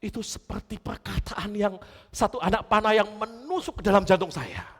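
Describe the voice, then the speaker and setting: Man, pastor, high voice, dramatic storytelling sermon, long church reverb. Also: normal speed, slightly rough. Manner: animated storytelling, often addressing listeners as brothers and sisters; swings between loud emphasis and hushed lines.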